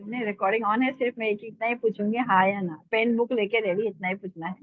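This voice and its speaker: A woman's voice: medium pitch, steady tone, no room sound. Woman teacher, online call, patient and repetitive, dictation pace; tinny, dry line. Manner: patient, repeats words slowly for dictation. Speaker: Urdu teacher. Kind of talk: online language lesson.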